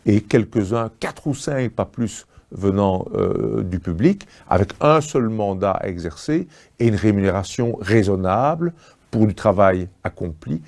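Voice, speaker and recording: A man with a fairly low, soft-edged, relaxed voice and some vocal fry speaks as a political party spokesman in an interview register. He sounds assertive but pauses while searching for the right word.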